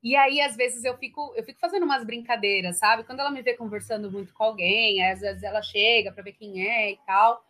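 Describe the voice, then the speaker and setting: A woman with a Brazilian Portuguese accent in casual chat, a lively storyteller who laughs often. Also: fairly high pitch, a little fast, few pauses.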